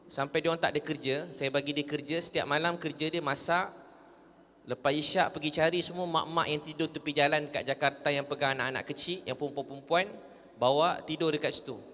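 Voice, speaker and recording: A man's voice: a little high, sharp tone, long reverb tail, slight background noise. A man preaching to a live audience, telling stories and putting questions to his listeners. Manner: storytelling, addressing listeners directly with questions. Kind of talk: religious talk to a live audience.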